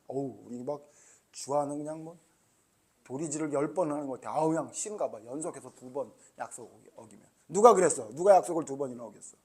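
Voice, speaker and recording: A man's voice: a little high, a little mellow, slightly rough. A man preaching a children's Sunday school sermon, talking casually and asking the children lots of questions. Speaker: pastor.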